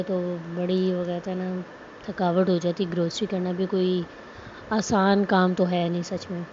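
A young woman, chatting casually through a vlog, with many fillers and asides. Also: fairly low pitch. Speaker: vlogger. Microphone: phone. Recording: muffled phone audio with background noise.

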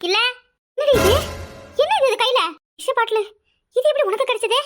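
A woman voicing a domineering, scheming middle-aged village mother in a cartoon, with a Kanyakumari Tamil accent, scolding fast and loud. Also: over music. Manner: shrill, scolding, fast, rising to yells. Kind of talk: cartoon voice acting.

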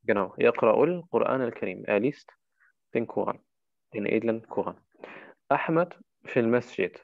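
A man's voice: medium pitch, expressive, fast talker, vocal fry, dry recording, phone-quality sound. A man teaching Arabic in a one-to-one online lesson, patiently walking his student through each answer.

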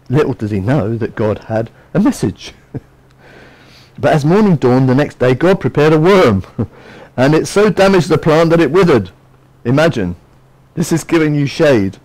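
A man's voice: fairly high pitch, animated, normal speed, darkish tone, poor audio. A man giving a sermon in a conversational, storytelling way, with many asides to his listeners. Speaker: preacher.

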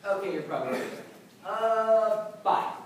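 A man's voice: sits high, expressive, unhurried. A young actor playing a teenage boy who rambles through a wish-list prayer in a church skit. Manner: rambling, bargaining, awkward. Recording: echoey room from far off, faint noise.

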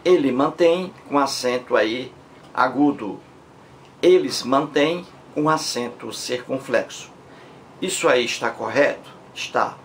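A man teaching a Portuguese grammar lesson, working through a test question slowly and repeating each verb form step by step. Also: medium pitch, a bit bright, slight background noise. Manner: slow, repetitive, spelling out forms step by step.

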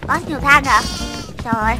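A woman hosting a gaming channel, chatting casually while she plays and squealing excitedly at surprises. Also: sits high, fast talker. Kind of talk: casual gameplay chat. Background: game music.

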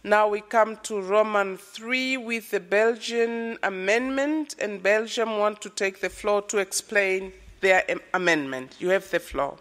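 In a large conference hall with long, cavernous reverb, a woman with a medium-pitched, slightly bright voice chairs a formal committee session. She moves slowly and procedurally, calling items for adoption and asking whether there are objections.

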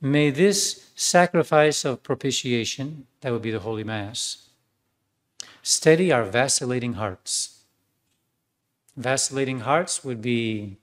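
Male priest, sermon, earnest, mid-pitched voice, a few ums and restarts.

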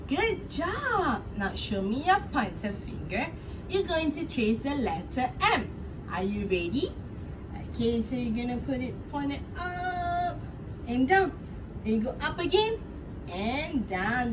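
A young adult woman with a Singaporean accent and a high voice leads an interactive lesson for preschoolers in an indoor padded children's gym. She speaks in short, simple, encouraging phrases with an exaggerated sing-song delivery. The camera sits a few metres away, so the distant mic picks up clear room noise.

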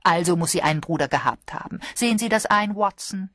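A woman voicing an eager, opinionated older married lady, talking brisk and animated in an audiobook. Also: lowish voice, no room sound, clean studio sound, voice pushed up. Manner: brisk, animated, self-correcting.

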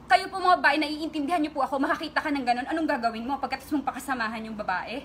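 A woman's voice: sits high, very fast, slight background noise. A woman vlogger with a Filipino accent, angrily and tearfully speaking straight to her critics in an emotional online rant.

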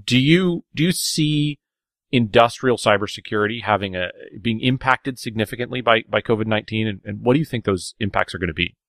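A man's voice: on the low side, fairly quick, fairly bright tone, no echo, studio quality. A man hosting a podcast interview, asking conversational questions and often repeating words as he talks. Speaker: podcast host.

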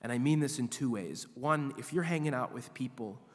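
A priest in his forties gives a homily from a lectern, emphatic and animated and leaning into his points. His mid-pitched voice rings out into the long reverb of a church. The lectern mic picks up the sanctuary's natural echo. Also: fairly quick. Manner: animated, emphatic preaching with hand gestures. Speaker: visiting priest. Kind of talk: sermon. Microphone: lectern microphone.

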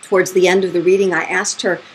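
A woman's voice: little pitch movement, fast talker, slight background noise, low-quality recording. A middle-aged woman, a spirit medium, telling her own stories in a chatty, casual way and acting out the quotes. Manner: chatty, acts out quotes with big pitch jumps. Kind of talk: casual storytelling monologue.

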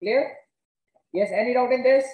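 A woman with a North Indian accent teaching an online class step by step in a halting, repetitive way. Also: fairly high pitch, warm tone. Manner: halting, repeats words and questions students. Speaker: computer science teacher. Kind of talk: online lesson, explaining step by step. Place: indoors, online class with screen share. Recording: echoey room.

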